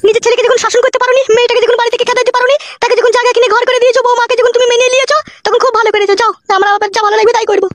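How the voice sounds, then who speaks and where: Shrill, rapid-fire scolding mother, foul-mouthed and bossy, music underneath. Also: flat delivery. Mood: accusing. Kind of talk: comic sketch dialogue.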